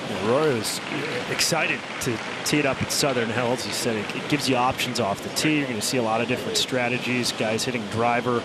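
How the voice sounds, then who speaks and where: A man's voice: mid-range voice, fairly quick, few pauses, heavy background noise. A man hosting as a golf commentator, delivering polished, concise broadcast announcing. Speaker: golf commentator, play-by-play host. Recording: loud music under the broadcast.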